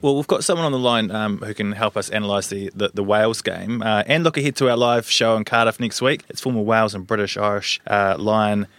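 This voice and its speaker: Male presenter, brisk guest intro, lowish pitch, dry close mic. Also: fairly bright tone, no room sound. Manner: steering questions, introducing guests. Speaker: podcast presenter. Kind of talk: casual rugby chat.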